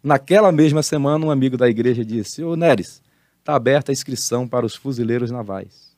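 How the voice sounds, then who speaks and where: A Brazilian pastor and retired marine in his sixties, telling his life story with preacherly emphasis in a relaxed interview. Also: medium pitch, brisk, no echo, studio quality. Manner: animated testimony, preacherly emphasis.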